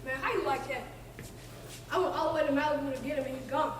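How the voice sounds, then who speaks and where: A woman's voice: sits high, fast talker, lightly acted. A woman playing an exasperated character in a stage drama. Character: exasperated arrival bringing news from town. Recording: echoey hall, far, noisy.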